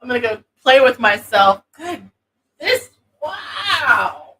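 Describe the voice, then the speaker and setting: A woman hosting a casual product demo, talking in a soft, sultry voice with many fillers. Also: sits high, very animated, takes it slowly, a little hiss or hum, poor audio. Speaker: host of an intimacy product show.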